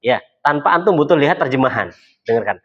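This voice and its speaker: A man teaching an Arabic class in a relaxed, chatty way, often repeating words and acting out short dialogues. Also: mid-range voice, fast talker, husky. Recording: dull lo-fi recording.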